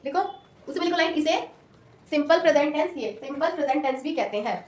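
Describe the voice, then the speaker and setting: A woman tutor with a sore throat, teaching loudly and drilling students through repetition. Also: sits high, animated, fast talker. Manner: loud, repetitive drilling, call-and-response. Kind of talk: classroom lesson with call-and-response. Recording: echoey room, mic far off.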